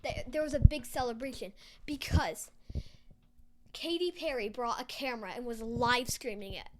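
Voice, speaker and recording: A woman's voice: fairly high pitch, moderate pace, background noise. A young woman hosting a podcast, making up a silly story as she goes, rambling with fillers and restarts. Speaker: podcast host. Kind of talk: improvised storytelling chat.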